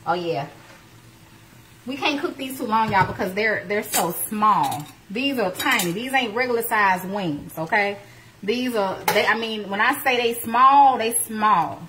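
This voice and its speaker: A woman in her thirties hosts a live home cooking stream from her kitchen, chatting playfully with viewers and tossing in churchy exclamations. Her medium-pitched voice is animated, unhurried, bright and forceful. The audio is poor with slight background noise, recorded on a phone camera that moves between close up and across the kitchen.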